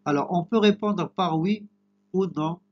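A man with a Moroccan accent teaching an exam preparation lesson, explaining slowly and glossing words in Arabic. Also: sits high, lo-fi sound. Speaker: French teacher.

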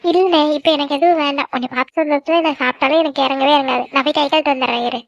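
A woman voicing a sassy high-pitched cartoon village girl. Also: fairly even intonation, creaky, dry recording, highs cut off. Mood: tearful, pleading. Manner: sassy, whiny, quick-tongued. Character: cheeky teenage village daughter, loves her brother. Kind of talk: cartoon voice acting.

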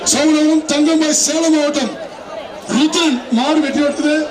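A man with a very high voice calls an outdoor arena event through a public-address loudspeaker, excited and rapid, repeating cheers. His voice booms with echo and comes from far off. A loud crowd and heavy noise fill the background. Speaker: arena announcer. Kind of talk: live shouted commentary.

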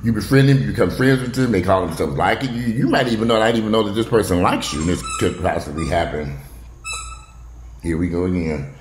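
Talking at a quick clip in a lowish voice, this middle-aged man gives his frank, offhand take on the news, drifting into side comments and swearing now and then. The vlogger records from a bright sunroom in his house, where the space sounds echoey with slight noise.

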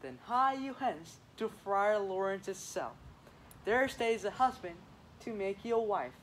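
A man's voice: high-pitched, expressive, unhurried, fairly bright tone, slight background noise. A teenage boy playing a weary, teasing old woman nurse in a school Shakespeare reading, drawing out complaints about her aches. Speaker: student actor.

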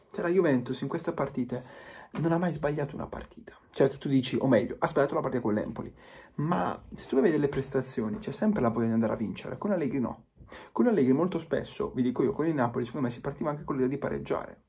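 A man rants to his viewers about football, hammering the same point again and again. His voice is husky and a little breathy, and he pleads and insists in turn. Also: mid-range voice, fast talker, a little mellow. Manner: emphatic, repetitive, pleading with viewers. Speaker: football commentator. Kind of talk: impassioned fan monologue.

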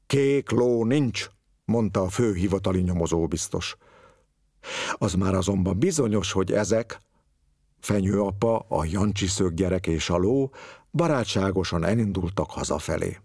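A man reading a literary story aloud with expressive, varied storytelling. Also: on the low side, no echo, studio quality.

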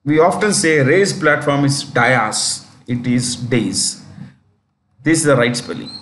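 A man with an Indian English accent and a slightly high, brisk voice teaches a current affairs lesson. He keeps it chatty, often correcting himself and spelling words out.

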